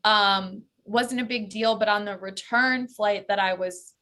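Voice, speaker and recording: A talkative American woman with a bright, forward tone, speaking as an interview guest. She talks loosely and casually, dropping frequent "like"s and "um"s. Her pitch sits in an ordinary middle range. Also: steady tone, a little slow. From United States. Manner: chatty, many fillers like "like" and "um". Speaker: guest, solo travel expert.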